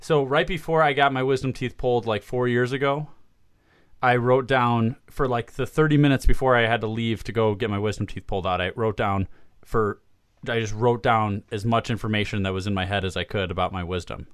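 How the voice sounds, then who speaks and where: A man's voice: mid-range voice, fairly even intonation, a little fast, smooth, no echo, clean studio sound. A man hosting a casual, joking podcast, rambling and hesitant as he goes. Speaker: podcast host.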